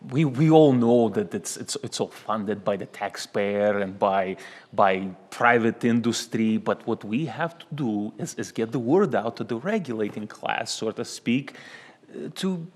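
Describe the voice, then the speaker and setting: A man playing a smug male union boss with a Russian accent, speaking halting, broken English with many repetitions in a comedy sketch. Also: fairly low pitch, animated, darkish tone. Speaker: union spokesman. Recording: long hall reverb.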